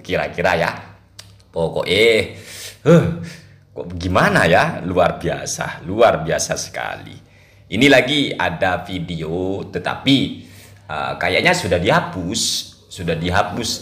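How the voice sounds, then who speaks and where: Deep-voiced man, mocking and laughing. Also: big pitch swings, a bit bright, reverberant. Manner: laughing, mocking, drawn-out exclamations. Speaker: commentator. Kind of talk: casual video commentary.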